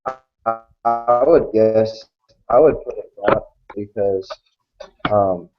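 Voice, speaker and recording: A man's voice: lowish voice, slow pace, lo-fi sound, music in the background. A young man, a student on a group video call, talking hesitantly while his voice cuts out over a bad connection. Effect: voice cutting out on a bad connection. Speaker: student in a class project group.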